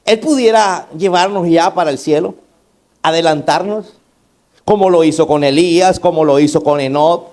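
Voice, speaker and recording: A man's voice: moderate pace, a little mellow. A male pastor preaching a sermon, emphatic, throwing rhetorical questions and call-outs to the congregation. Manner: emphatic, varying between raised and low delivery.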